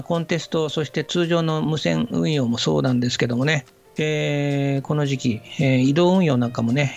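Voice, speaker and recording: A man hosting a radio program in a casual, polite, unhurried manner, with many fillers. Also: mid-range voice, creaky. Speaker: radio host. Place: radio studio. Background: faint music.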